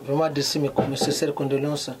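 This middle-aged fashion designer from Congo talks quickly in a slightly high, level voice while being interviewed in a clothing shop. He switches between French and Lingala with emphasis, picked up by the interviewer's handheld mic amid background noise.

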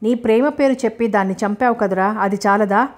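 A woman narrator puts on an elderly orthodox father in a storybook reading, bitter with grief and scolding without pause. The voice stays mid-pitched and close to her own. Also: close to an everyday voice. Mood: angry, grieving. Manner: scolding, cursing.

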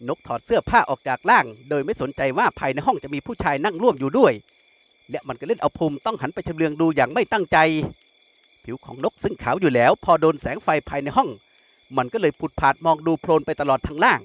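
A man narrating a Thai war-thriller novel in a steady storytelling manner. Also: a little high, fast talker. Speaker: audiobook narrator.

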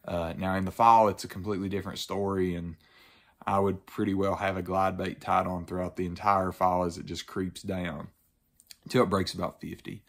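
A young man talking casually to camera as a fishing channel host, relaxed and conversational with frequent fillers, recorded in a living room. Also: sits low, moderate pace. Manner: relaxed, conversational, frequent ums and you-knows. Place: living room with couch, indoors.

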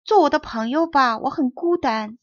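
A woman voicing a polite, lonely little boy prince who asks gentle, earnest questions in a storybook reading. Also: high voice, normal speed, no room sound, pitched above the performer's own voice, lightly acted. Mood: lonely calling. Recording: dull lo-fi recording.

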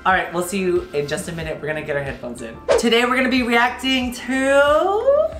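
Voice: medium pitch, sing-song, a little fast, music in the background. Sassy drag queen host, roomy sound. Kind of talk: casual reaction banter. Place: indoor studio with plain lit backdrop.

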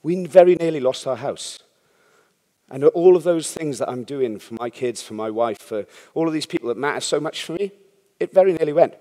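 A startup founder gives a candid, rambling conference talk in a warm, slightly high voice with lively intonation, moving a little fast. He swears casually and keeps asking the audience "yeah?", while the conference hall adds long reverb.

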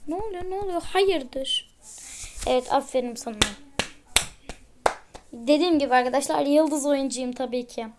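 A young woman commenting casually on her gameplay, excitable and often shouting at her teammates. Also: high-pitched, normal speed, long pauses, slight background noise. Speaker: gaming channel host.

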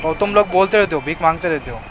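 A man with a high voice barks quick callouts to his squad during a match. His muffled lo-fi mic sits under loud gunfire and engine noise. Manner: urgent callouts, laughing often. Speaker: gamer in squad voice chat. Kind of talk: casual game chat, calling out enemies. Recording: lo-fi voice chat over loud gunfire.

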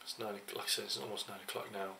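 Speaking quickly in a gravelly, lowish voice with fairly even intonation, this weary young English vlogger rambles at the webcam on his desk. He fills his casual to-camera talk with hesitant fillers from a small home office, and background noise is audible.

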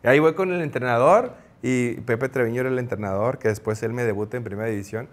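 A middle-aged man with a Mexican accent, a former goalkeeper, telling an anecdote in an interview, acting out the shouts he quotes. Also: medium pitch, fast. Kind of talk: storytelling in an interview.

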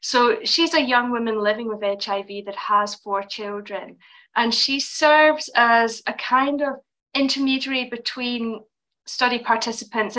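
A woman's voice: fairly high pitch, bright, forceful tone, poor audio. A woman in her forties, a clinical researcher, explaining her work matter-of-factly on a video call through a headset. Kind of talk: panel discussion on a video call. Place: small room indoors.

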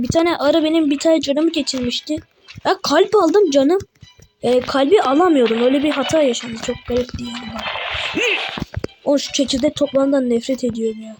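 High-voiced excitable woman gaming over music. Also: low-quality recording. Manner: chatty, excitable, talks back to the game in slangy banter. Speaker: gaming YouTuber. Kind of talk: casual let's-play commentary. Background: game music.

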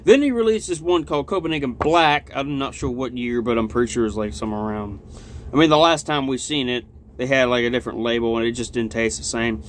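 A man's voice: medium pitch, quick pace. Rambling young man, lip full of dip, noisy recording. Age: young adult. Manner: rambling, heavily sweary. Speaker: dip reviewer. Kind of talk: casual vlog chat, product review. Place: small cluttered log-walled room, indoors.

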